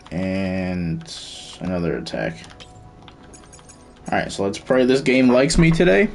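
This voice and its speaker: A gamer with a darkish voice on the low side offers relaxed commentary on his live stream, muttering his thoughts aloud as he plays.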